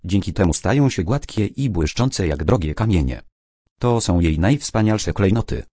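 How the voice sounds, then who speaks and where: A man voicing a helpful female cuckoo in a children's story, giving calm, knowing advice. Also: sits low, moderate pace, no echo, studio quality.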